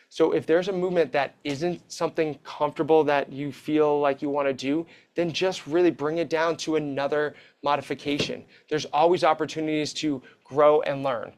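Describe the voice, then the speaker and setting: Male fitness coach, encouraging instructor, slightly higher voice. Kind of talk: instructing a workout class.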